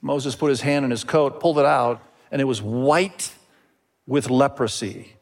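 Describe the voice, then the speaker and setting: A man's voice: medium pitch, normal speed, gravelly. A middle-aged man who grew up in Indonesia, preaching a sermon to his church in an earnest way, often repeating phrases and calling out to the congregation. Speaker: pastor.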